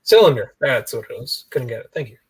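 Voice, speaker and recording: A man's voice: mid-range voice, sing-song, fast, husky, dry recording. A man chatting casually on a live video call, rambling and searching for words. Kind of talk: casual chat.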